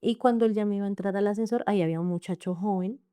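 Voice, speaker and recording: In clean studio sound with no room noise, a woman with a medium-pitched, mellow, clear, resonant voice races through an emotional personal testimony. She has a Colombian accent, speaks in long run-on sentences, and frequently quotes other people while earnestly recounting her story in an interview.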